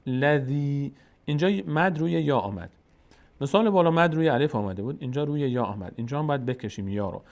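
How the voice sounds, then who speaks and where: A man with a Tajik-influenced Persian accent teaching Quran recitation, explaining the rules and slowly drawing out each Arabic word as he demonstrates it. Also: medium pitch, animated, a little mellow. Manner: slow, drawn-out demonstration of Arabic words between explanations. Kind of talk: recitation lesson.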